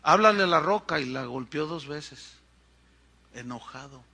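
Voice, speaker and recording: A middle-aged man with a Mexican accent preaching a sermon, telling stories in an animated way and acting out the people in them. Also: on the high side, unhurried. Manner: animated storytelling with acted-out quotes. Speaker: pastor.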